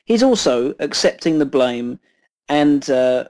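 A man co-hosting a film podcast, calmly and politely arguing his side in casual chat. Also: medium pitch, takes it slowly, low-quality recording. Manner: calm, reasoned, disagreeing politely.

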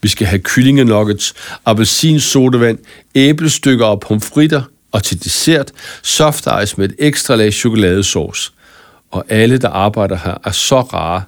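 A man's voice: fairly low pitch, no echo, studio quality, lightly acted. A man voicing a sick eleven-year-old girl who talks faintly and drowsily. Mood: dreamy.

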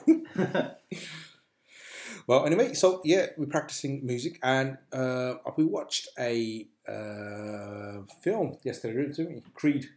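A man's voice: mid-range voice, slow, darkish tone. A man hosting a casual podcast chat, rambling with many hesitations and restarts. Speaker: podcast host. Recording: echoey room.

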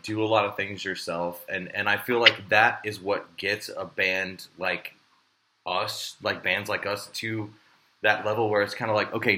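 Bright-voiced, rambling male podcast host. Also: lowish voice. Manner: rambling, with many fillers and restarts. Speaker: podcast host and show promoter. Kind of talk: casual chat.

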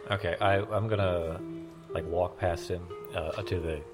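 A man's voice: sits low, fairly even intonation, measured pace, over music. A man speaking as a player in a tabletop game. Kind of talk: in-character tabletop play.

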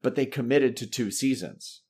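A man hosting a podcast in casual chat, animated, laughing often and swearing freely. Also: medium pitch, normal speed, husky. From Massachusetts. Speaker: podcast host.

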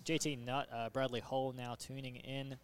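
A man's voice: mid-range voice, flat delivery, normal speed, clean tone. A man commenting casually on a sports draft, reading stats and laughing between them.

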